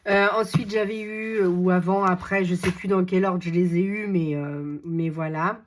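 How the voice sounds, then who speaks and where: A middle-aged woman hosting a craft channel, chatting casually and enthusiastically with many fillers, her voice slightly hoarse. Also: fairly low pitch, steady tone, moderate pace, slight background noise. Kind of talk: casual chat showing books.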